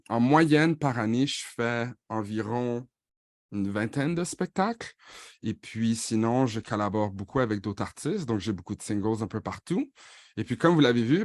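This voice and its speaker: A man's voice: mid-range voice, no room sound, studio quality. A man in his thirties with a Franco-Ontarian French accent, introducing himself and his music in a casual bilingual vlog, switching between French and English with easy fillers. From born in Paris, raised in Ottawa. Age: 30s.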